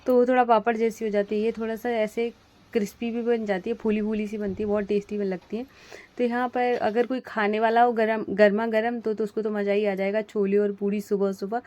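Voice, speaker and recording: A woman's voice: fairly high pitch, darkish tone. A woman in her thirties chatting through her morning routine in a casual home vlog, homely and full of little fillers. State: slightly hoarse throat. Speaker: vlogger, housewife. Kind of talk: casual voice-over vlog narration.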